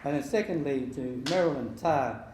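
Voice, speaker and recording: A man in his sixties giving an informal wedding speech as father of the bride, halting and jokey with sentimental touches. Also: medium pitch. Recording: very echoey room with faint background noise.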